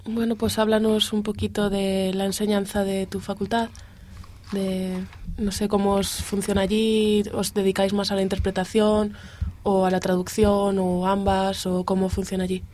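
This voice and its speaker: A woman's voice: medium pitch, monotone, moderate pace, a little mellow. Woman hosting a university radio show. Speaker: radio host.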